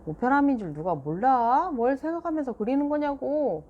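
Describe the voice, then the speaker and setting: A woman reading a children's book aloud and voicing a quick-tempered mother who scolds in a sharp, loud voice. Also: fairly high pitch, big pitch swings, dull audio, slight background noise, voice pushed up. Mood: scolding.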